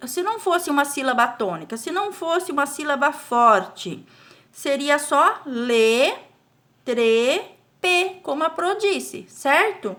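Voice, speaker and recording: A Brazilian woman teaching a recorded spelling lesson to children. She explains slowly, stretches out syllables and keeps asking the class check questions. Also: high voice, very animated, sharp tone. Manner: speaks of herself in the third person as "a Pro". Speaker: primary school teacher.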